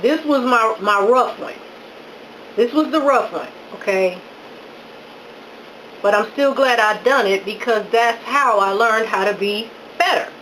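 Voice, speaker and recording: A woman's voice: a little high, measured pace, pauses often, fairly bright tone, a little hiss or hum, rough recording. A woman vlogging at home as she tastes her own cooking, exclaiming with delight and talking through mouthfuls of food. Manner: effusive, exclaiming with delight between bites; talking with her mouth full while chewing. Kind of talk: casual talk while tasting food.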